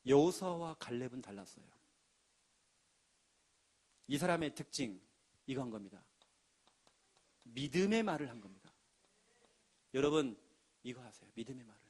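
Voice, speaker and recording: A man preaching a sermon in a lively, emphatic way, now and then acting out quoted voices. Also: mid-range voice, moderate pace, long pauses, husky. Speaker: pastor.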